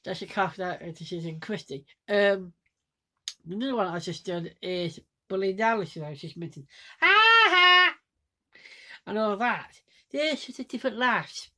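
A woman talking casually to camera in a vlog, halting and restarting often as she demonstrates different laughs. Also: medium pitch. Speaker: vlogger.

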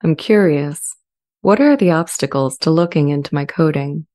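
In a home studio, a woman reads a scripted, dramatized transcript as a sentient AI language model, earnest and gentle, with a female voice. Her delivery is measured and deliberate, low-pitched and close to her everyday voice, calm and inquiring. She is recorded close on a large studio condenser with a pop filter.

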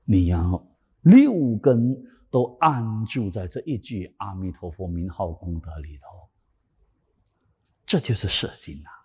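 A man with a raspy, husky voice delivers a Buddhist sermon at an unhurried pace, lines lingering in a long hall reverb. His pitch leaps and falls widely, loud emphatic phrases giving way to hushed whispered asides. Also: sing-song. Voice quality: raspy, cracked voice. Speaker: Buddhist dharma teacher.

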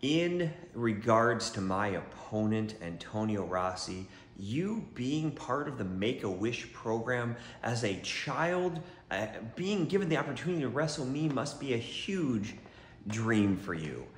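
A middle-aged man playing a smug, condescending rich villain in a wrestling promo, with pompous, mock-polite delivery and drawn-out emphasis. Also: mid-range voice, animated, roomy sound, lightly acted. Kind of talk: scripted wrestling promo to camera. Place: poolside patio, then living room at home.

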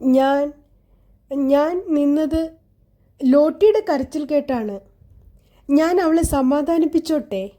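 A woman's voice: high voice, slow pace, long pauses, warm tone, voice pushed up. A woman voicing a kind, polite little schoolgirl who speaks hesitantly and humbly. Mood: humble.

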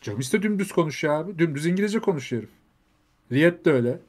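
A man in casual film talk, blunt and quick to disagree. His voice sits a little high, and he talks fast. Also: expressive, darkish tone. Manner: blunt, argumentative. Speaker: podcast co-host. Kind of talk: casual film review chat.

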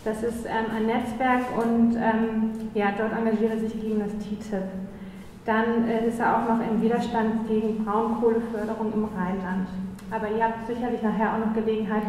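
A woman's voice: on the high side, flat delivery, normal speed, darkish tone. A young woman moderating a panel discussion, introducing guests with many fillers, on a handheld mic in a small room. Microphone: handheld mic, far camera. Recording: echoey hall from far off, faint noise.

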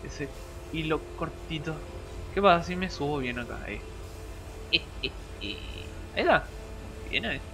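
A young man talks over his gameplay in a slightly high voice, quick to yelp and groan and tossing in English exclamations. Game music plays clearly underneath. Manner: excitable, yelps and groans at deaths, mixes in English words. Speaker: gamer streamer. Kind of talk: casual let's play commentary.

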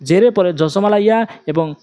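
A man with a Bangladeshi Bengali accent teaching Quran recitation, drilling syllables slowly and stretching the vowels. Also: sits high, mellow. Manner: quick, plain explanations with many fillers. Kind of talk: step-by-step recitation lesson.

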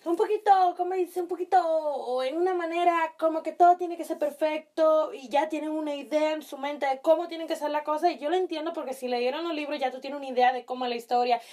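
A young vlogger from the Dominican Republic who grew up in Italy chats casually to camera in Spanish, sharing opinions from a small bedroom lit with string lights. Her first language is Italian, so her Dominican accent has an Italian tinge; her high, mellow voice stays fairly even, and she often pauses to find words.

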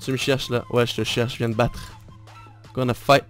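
This live game stream host speaks with a Québécois French accent, his medium-pitched, level voice a bit bright and moving at normal speed. Over soft background music, he keeps the gameplay commentary casual, bantering, teasing his friend, and talking right to viewers.

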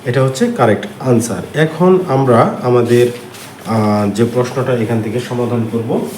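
A man with a Bangladeshi accent, teaching English grammar by walking through exam answers step by step with frequent filler pauses. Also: medium pitch, darkish tone. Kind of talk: exam question walkthrough lesson. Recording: echoey room with faint ambient noise.

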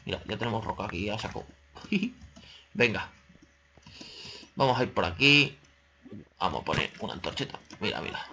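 A man's voice: lowish voice, lively intonation, moderate pace, pauses often, sharp tone, a little hiss or hum. Chatty man narrating gameplay. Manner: chatty, talks to himself and viewers, playful exclamations. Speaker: gaming channel host. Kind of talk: casual let's-play commentary.

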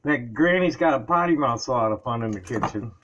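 A man's voice: mid-range voice, lively intonation, brisk, dull audio, noisy background. An older man chatting casually as he cooks in a small home kitchen, rambling as he works, recorded by a camera sitting on the counter. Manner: rambling, chatty, talks while working. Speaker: home cook vlogger. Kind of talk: casual cooking chat.

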